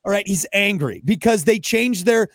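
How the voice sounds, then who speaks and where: A man's voice: sits high, normal speed, no echo. A man co-hosting a podcast, ranting and telling stories in casual banter. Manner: ranting, animated storyteller. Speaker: podcast co-host. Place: podcast studio.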